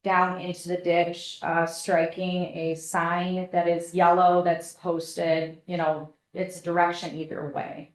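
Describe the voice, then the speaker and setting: Flat-voiced woman testifying, courtroom recording. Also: lowish voice. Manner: polite, measured, answering with "yes, sir". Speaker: paramedic witness testifying. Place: courtroom witness stand. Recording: echoey courtroom audio.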